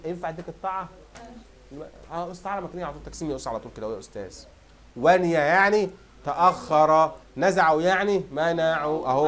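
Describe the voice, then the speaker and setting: A young man with an Egyptian Arabic accent, teaching a fast exam review and firing questions at students, then answering them himself. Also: fairly high pitch.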